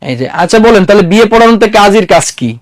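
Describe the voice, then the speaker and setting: A man's voice: high-pitched, animated, racing, dry recording. A man lecturing a classroom in a conversational way, quizzing his students and mixing English words into his talk. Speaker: teacher.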